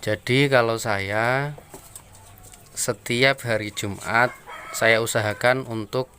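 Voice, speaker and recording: A rabbit farmer, explaining feed tips to viewers in a relaxed, friendly vlog. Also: male voice, medium pitch, takes it slowly, a little hiss or hum. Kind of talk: casual how-to vlog. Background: birds and chickens.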